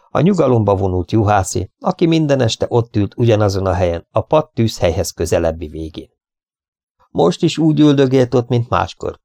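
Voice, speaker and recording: A man reading an audiobook in an expressive, measured storytelling manner. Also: fairly low pitch, gravelly, dry recording, clean studio sound. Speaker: audiobook narrator. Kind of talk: scripted audiobook narration.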